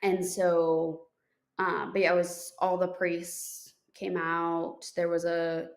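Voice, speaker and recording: A young woman co-hosting a podcast tells a story in a lowish, monotone voice at a slow pace. It's casual chat, full of fillers and restarts.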